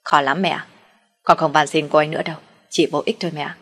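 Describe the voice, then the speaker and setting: A woman's voice: deep voice, a little fast, fairly bright tone. A woman voicing a bitter, snapping young man. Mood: weary. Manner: sulky, snapping and curt.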